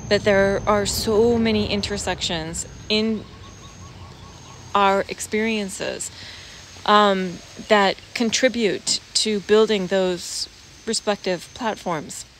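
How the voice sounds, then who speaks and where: In a leafy garden, a seated American woman in her forties, a vlogger and expat who grew up around the Pacific Basin, talks thoughtfully to a phone held at arm's length. She speaks in a mid-range voice, casually and reflectively, halting with pauses. The recording has clear outdoor background noise and cricket-like ambience.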